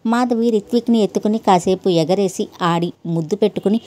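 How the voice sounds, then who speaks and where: A woman reads a family story aloud in a steady, unhurried storytelling voice. Her tone is mellow and warm, sitting at an ordinary middle pitch. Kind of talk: narrating a Telugu story, voicing every character.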